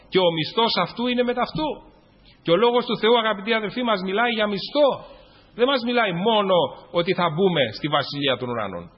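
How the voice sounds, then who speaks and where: A man's voice: high voice, slightly rough, in a large hall, dull audio. A man preaching a sermon to his congregation, rising and dropping with fervor as he recites scripture. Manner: preaching with fervent rises and drops, reciting scripture.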